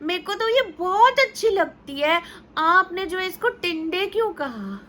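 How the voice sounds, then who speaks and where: Woman doing a picky little girl: whiny, pleading, very high and sharp. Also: sing-song, measured pace, a little hiss or hum, heavily acted.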